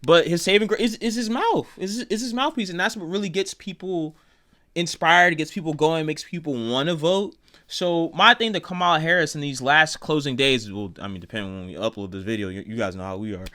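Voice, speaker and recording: Casual commentary co-host: American man, bright forceful tone, emphatic, repeats himself to drive points home. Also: on the high side, brisk. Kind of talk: casual opinionated commentary chat.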